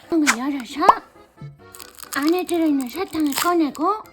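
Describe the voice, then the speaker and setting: With music in the background, a woman presents a kids' toy show in a high-pitched voice at a moderate pace. Taking on a cute, childlike cartoon-cat host character, she speaks to children in an over-the-top sing-song style packed with bright exclamations.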